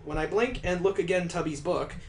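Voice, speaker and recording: This gaming video features a man voicing visual novel text with playful expression and slipping in his own joking asides. His voice sits high and moves briskly, and faint music plays behind him.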